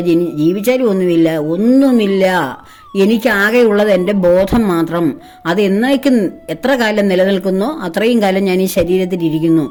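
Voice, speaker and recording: A woman's voice: medium pitch, a little mellow. A woman giving a devotional spiritual talk, asking rhetorical questions in an earnest, persuasive way. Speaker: spiritual speaker.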